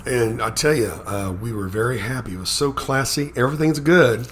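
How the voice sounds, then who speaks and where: A man's voice: mid-range voice, a little fast, a little hiss or hum. A man hosting a casual live interview, heaping effusive praise on his guest. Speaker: host.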